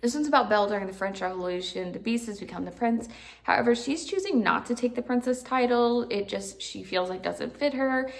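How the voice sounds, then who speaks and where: Her voice a little high, brisk and creaky, this book vlogger rambles through a casual review chat full of filler words. Now and then the chatter turns into an exasperated rant.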